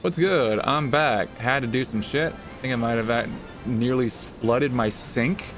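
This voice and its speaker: A man's voice: mid-range voice, measured pace, over music. A man streaming a video game with friends, joking sarcastically and swearing freely. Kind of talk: casual game-stream banter.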